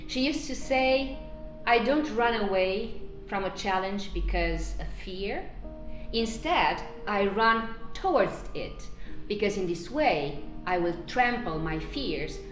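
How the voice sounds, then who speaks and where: A woman's voice: mid-range voice, animated, slow pace. A middle-aged woman giving interview remarks. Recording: echoey room with music.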